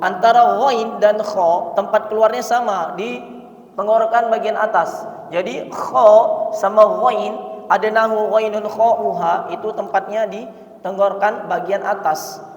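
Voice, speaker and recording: A man's voice: high voice, fairly even intonation, unhurried, recorded from a distance. A man teaching Quran recitation in a mosque lesson, speaking patiently and chanting verses as examples. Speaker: religious teacher. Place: mosque hall. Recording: roomy, echoey mosque hall from afar, dull lo-fi sound.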